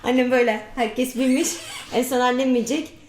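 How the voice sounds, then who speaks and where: A woman with a fairly high voice tells funny stories in a relaxed, chatty vlog. She talks crudely and laughs a lot. The sound carries a roomy echo. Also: a little fast. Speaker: vlogger. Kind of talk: casual storytelling vlog.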